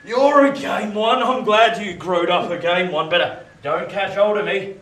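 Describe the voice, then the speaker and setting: In a radio play, a male actor voices a rough, emotional convict in his sixties, speaking with a working-class English accent in halting, rustic phrases. His high, slightly bright voice comes across sly and probing. The recording sounds distant and echoey, with a faint hiss.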